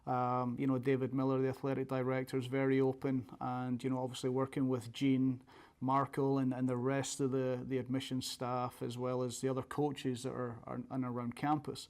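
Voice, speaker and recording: A man's voice: medium pitch, completely flat delivery, fairly quick, a little mellow. A man with a thick Scottish accent giving informal interview answers as a college soccer coach.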